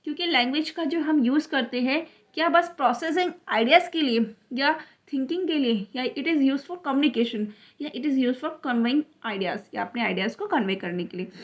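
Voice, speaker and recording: High-voiced woman teaching exam English. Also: lo-fi sound. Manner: explains step by step, mixes English terms into Hindi; reads English question text slowly. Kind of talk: online lesson in Hindi with English terms.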